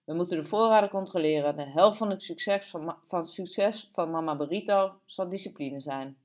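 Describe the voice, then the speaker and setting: A woman's voice: on the low side, normal speed, a little mellow, close to an everyday voice. A woman voicing a pompous, bossy middle-aged man who lectures in a self-important way in an audiobook. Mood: lecturing.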